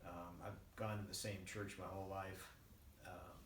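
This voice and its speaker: An older man speaks slowly in a casual, reflective devotional ramble, often halting as he searches for words. His voice sits a little low. The recording is roomy, picked up at some distance from the microphone. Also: little pitch movement, a bit bright. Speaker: vlogger. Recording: roomy, distant mic, faint background noise.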